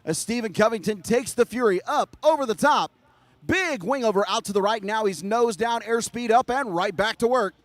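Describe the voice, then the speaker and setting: A man giving excited live air show commentary with punchy emphasis, hyping up the crowd as announcer. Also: sits high, normal speed, no room sound.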